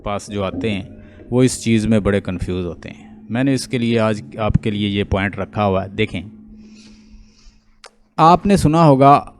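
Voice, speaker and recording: A man's voice: fairly low pitch, moderate pace, long pauses. A man with a Pakistani accent teaching English literature, explaining step by step and stopping often to ask his students checking questions. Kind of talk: classroom lecture explaining poetic meter.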